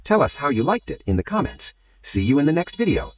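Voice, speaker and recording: A man with a voice on the high side talks quickly as he retells a movie like a story. His delivery rises and falls with liveliness, and he frequently refers to his listeners as friends.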